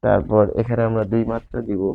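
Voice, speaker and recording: A male teacher giving a grammar lesson, repeating key terms slowly and asking and answering his own questions. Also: fairly low pitch, flat delivery, creaky. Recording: tinny, phone-like sound.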